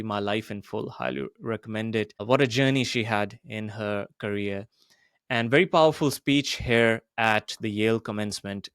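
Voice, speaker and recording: A man coaching public speaking at a steady, deliberate pace. He pushes his voice higher and lower to demonstrate his points. His mid-range voice sits in a dry, close recording. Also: dry recording. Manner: deliberate, demonstrative, varies pitch and volume. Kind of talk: voice coaching lesson.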